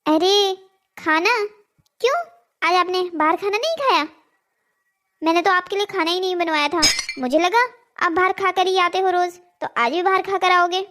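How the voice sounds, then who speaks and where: A cool, curt young wife from a cartoon family drama, as a woman voices her. Her voice is very high and flatly dismissive. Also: normal speed. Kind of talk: Hindi cartoon voice acting.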